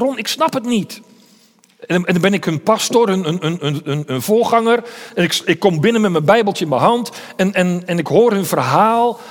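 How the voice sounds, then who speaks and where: A man preaching a sermon as a pastor, reflective and unhurried, shifting into dramatic retelling. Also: high-pitched. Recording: reverberant hall.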